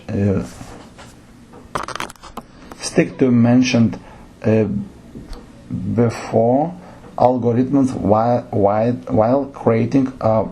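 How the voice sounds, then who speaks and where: In a lecture on theatre directing, a man whose native language is Lithuanian, and who speaks with that accent, haltingly reads out numbered points, often stopping to correct himself and start over. He sounds mellow and slightly rough.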